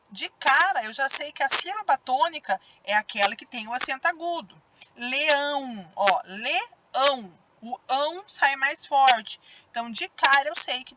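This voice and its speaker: A woman teacher with a Brazilian Portuguese accent gives a recorded grammar lesson for children, her voice sitting high against a noisy background. She draws out the stressed syllables as she demonstrates words.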